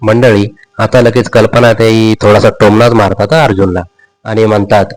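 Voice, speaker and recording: A man's voice: on the low side, level tone, normal speed, poor audio. A man retelling a television serial episode in a casual, folksy storytelling manner, addressing his listeners directly. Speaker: serial recap narrator. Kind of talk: casual story recap narration.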